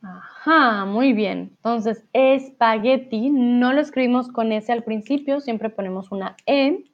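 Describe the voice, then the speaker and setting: Woman, Spanish teacher, slow careful delivery, spells words out, slightly high voice, dull lo-fi sound. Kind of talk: live online language lesson.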